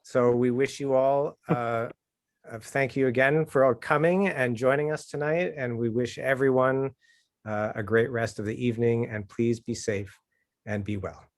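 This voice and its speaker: A man's voice: mid-range voice, fairly even intonation, moderate pace. A man, a publisher co-hosting a book launch over a video call, giving casual closing thanks with a few ums.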